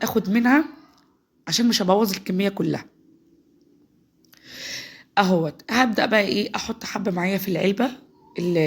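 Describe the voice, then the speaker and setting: This home cook, an Egyptian woman, sounds different because of a cold, her mid-range voice carrying a breathy edge. She talks chattily from her kitchen, guiding the audience step by step through a recipe.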